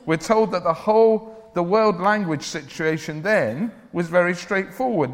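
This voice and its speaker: In a large church or hall, a man with a high, slightly bright voice preaches an evangelical sermon to a congregation, reading from the Bible and praying. He speaks earnestly and deliberately in declarative phrases. The hall is reverberant, with a long echo.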